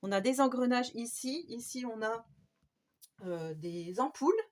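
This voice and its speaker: A woman's voice: fairly high pitch, expressive, a little slow. A woman with a French accent hosting a casual craft vlog, chatty and enthusiastic, with many fillers. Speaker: scrapbooking channel host.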